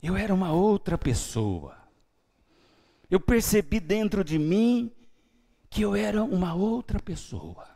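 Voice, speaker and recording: A Brazilian pastor preaching a sermon, his voice a touch higher than most men's. He tells his own story, dropping to near-whispers and then climbing back loud. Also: takes it slowly, gravelly, pauses often. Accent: Brazilian Portuguese. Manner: storytelling with lively swings between hushed and loud. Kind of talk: sermon testimony. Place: church.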